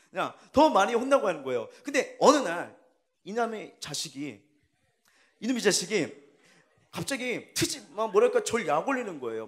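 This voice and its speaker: A man preaching a sermon as pastor, telling a story with laughter and acted-out dialogue. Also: high-pitched. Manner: lively storytelling, acting out family quarrels with laughter. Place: church sanctuary.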